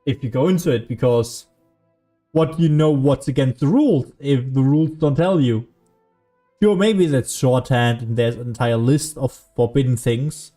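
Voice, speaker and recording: A young man streaming a game gives casual commentary, musing and arguing aloud with casual swearing while game music plays in the background. His mid-range voice is warm and moderately paced.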